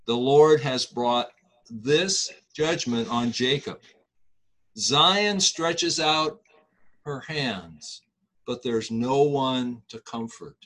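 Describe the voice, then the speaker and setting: A middle-aged man leading a Bible study, explaining a passage slowly with many fillers and restarts. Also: mid-range voice, rough recording.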